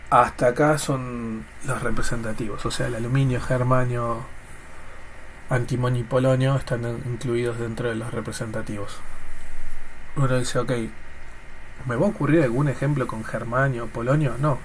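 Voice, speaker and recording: A man's voice: mid-range voice, steady tone, normal speed, poor audio. A man with a Rioplatense accent and a congested, snotty nose, teaching informally in a colloquial, jokey way. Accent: Rioplatense Spanish. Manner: colloquial, jokey, voices students' questions and answers them. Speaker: chemistry teacher. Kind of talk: informal recorded lesson. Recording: clear background noise. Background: noise.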